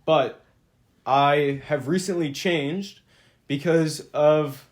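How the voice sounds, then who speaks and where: A man's voice: a little high, very slow. A young man from Canada co-hosting a casual podcast, joking and laughing often. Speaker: podcast co-host. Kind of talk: casual chat.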